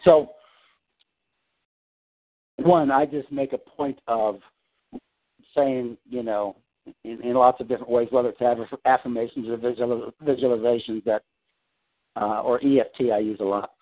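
With a steady, mid-range voice, a man speaks at a measured pace and pauses often while discussing his work. He's a client on a casual coaching call from home, rambling with fillers and restarts on a tinny phone line.

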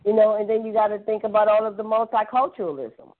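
A woman's voice: mid-range voice, level tone, fast. Emphatic woman on a tinny phone line. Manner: emphatic, repetitive, blunt with curse words. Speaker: podcast caller discussing history. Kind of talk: casual phone-call chat.

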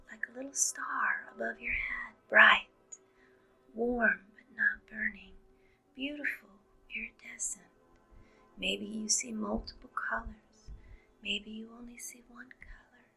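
Breathy whispering woman, slow mystical healer. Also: a little high, low-quality recording. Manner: airy, breathy, hushed mystical healer delivery; soothing, deliberate short phrases with pauses. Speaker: guided meditation leader. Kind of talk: whispered ASMR guided energy-healing meditation. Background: music.

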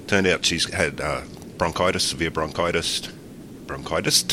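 Very deep, congested Australian man. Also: moderate pace, noisy background. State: congested with a cold and sore throat, slightly crackly. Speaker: podcast host. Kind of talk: casual podcast chat.

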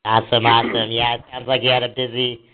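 A man's voice: mid-range voice, monotone, fast talker. A man, a guest on an upcoming interview, chatting agreeably and hesitantly over a speakerphone, with many fillers. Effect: heard over a speakerphone. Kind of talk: casual call before an interview. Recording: tinny speakerphone line.

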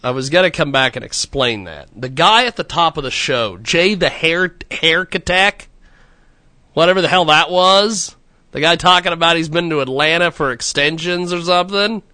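A man's voice: on the high side, normal speed, bright, forceful tone, no room sound. A man hosting a live stream with casual, blunt, rambling chat. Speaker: show host.

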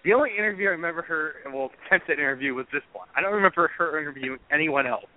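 A man co-hosting a wrestling podcast, easygoing and quick to laugh. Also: fairly high pitch. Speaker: podcast co-host. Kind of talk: casual chat. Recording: tinny phone-like dry sound.

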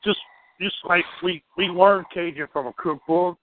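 A man co-hosting a podcast in crude casual banter, rambling in a deadpan way with frequent fillers. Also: high-pitched, normal speed, noisy background. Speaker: podcast co-host. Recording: dry, phone-like narrow sound.

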